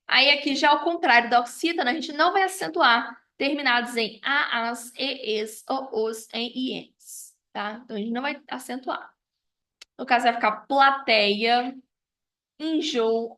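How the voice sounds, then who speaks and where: Sharp in tone and pitched on the high side, this woman's voice belongs to a teacher going over grammar. She explains by listing example after example, often tacking on "né?" or "tá?".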